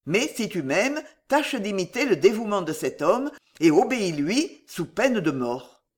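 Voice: medium pitch, sing-song, unhurried. A reader doing an anxious young poet. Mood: urgent. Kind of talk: audiobook reading of a classic novel.

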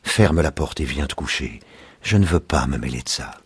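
A man voicing a frightened, weary old woman of seventy-five in a read-aloud story, his voice husky and dry. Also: rumbling low, expressive, moderate pace, dry recording, full character voice. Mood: fearful. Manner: pleading, fearful, shouting at times. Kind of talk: audiobook reading.

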